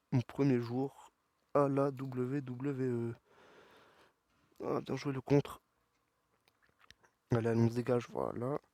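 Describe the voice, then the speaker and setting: A man commentating his wrestling video game, excitable and talking back to the characters on screen. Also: medium pitch, no room sound. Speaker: gaming YouTuber. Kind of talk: let's play commentary.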